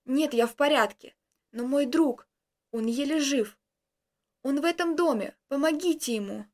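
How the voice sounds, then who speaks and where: A woman's voice: sits high, unhurried. A woman voicing a desperate young man lost in the wild, pleading and breathless.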